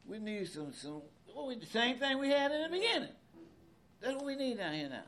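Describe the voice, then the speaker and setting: A man in his seventies in a casual conversation as an interviewee, animated and repetitive, with loose colloquial speech. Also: very high voice, brisk. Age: 70s. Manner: animated, repeats words, loose colloquial grammar.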